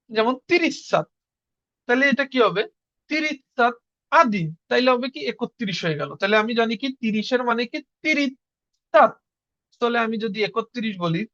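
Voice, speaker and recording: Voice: medium pitch, a bit bright, no echo, lo-fi sound. A teacher giving an online language class, patiently repeating each word and drilling the learners to say it back.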